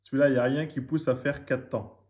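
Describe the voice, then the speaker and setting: A man teaching a reading lesson, slowly drilling words syllable by syllable, with quick asides in between. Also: medium pitch, fairly even intonation, a little mellow. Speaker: Arabic teacher.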